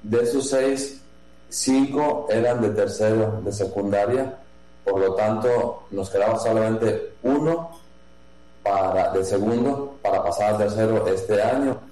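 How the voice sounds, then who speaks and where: A man from Jalisco, a priest who runs a seminary, answering interview questions slowly, with many pauses, fillers and restarts. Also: on the low side, warm tone. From Mexico, Jalisco. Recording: echoey room with mains hum.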